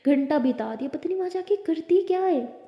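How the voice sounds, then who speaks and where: A woman's voice: high-pitched, animated, a little fast, pitched above the performer's own voice. A woman voicing Khushi, a teasing college girl. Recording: roomy, reverberant, dull lo-fi.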